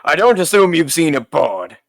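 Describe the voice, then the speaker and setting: A man voicing a huge, gruff male shopkeeper who talks loudly and bluntly. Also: fairly high pitch, big pitch swings, normal speed, no echo, studio quality, voice pushed up. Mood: curious. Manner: loud, blunt, businesslike.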